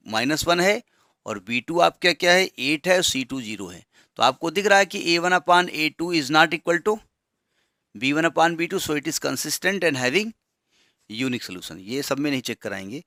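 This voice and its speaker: A man's voice: a little high, bright, forceful tone, no room sound, studio quality. A man teaching a maths lesson, explaining step by step with asides and rhetorical questions. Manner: reads English problem text slowly and deliberately.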